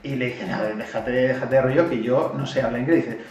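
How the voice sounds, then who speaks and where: Animated Spanish man, roomy distant sound. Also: medium pitch, brisk, dull audio, faint music behind. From Spain. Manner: animated, acts out quoted lines with laughter. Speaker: YouTube language-learning host. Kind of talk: casual retelling and explanation.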